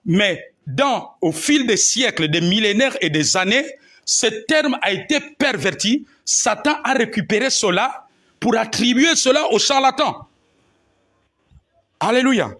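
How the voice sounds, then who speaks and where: A man's voice: high-pitched, animated, unhurried, fairly bright tone. A man delivers a church teaching. He speaks emphatically, stopping often for amen and alleluia. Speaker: pastor. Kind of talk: sermon teaching.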